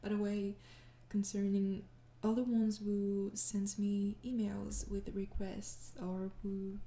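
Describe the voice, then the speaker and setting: A young ASMR creator from France, French-accented, answers her fans in a gentle, casual Q&A. Her mid-range delivery is totally flat and slow, the room roomy, and she comes across as weary, hesitant and apologetic, often laughing softly and falling into whispers.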